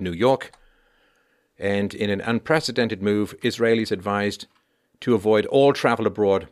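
A man hosting a news commentary show, reading out reports with deliberate, emphatic phrasing. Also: fairly low pitch. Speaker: online commentary show host.

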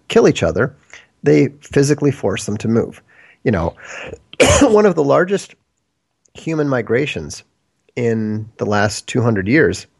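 Low gravelly-voiced man from Minnesota. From United States, Minnesota. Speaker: interview guest. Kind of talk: casual discussion.

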